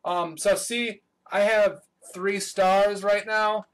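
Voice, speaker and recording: Young guy w a highish voice doing laid back gameplay commentary on a webcam mic, swears a lot, gets hyped. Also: slow pace, clear, resonant tone. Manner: loose and profane, with excited outbursts. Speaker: gaming channel host. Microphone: webcam microphone.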